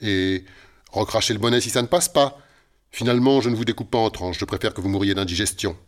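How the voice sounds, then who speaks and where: A man's voice: lowish voice, fast, close to an everyday voice. A man voicing a nervous, hot-tempered knight in a read-aloud storybook, speaking bluntly and with exasperation, with music behind him. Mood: curt. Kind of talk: storybook character voice.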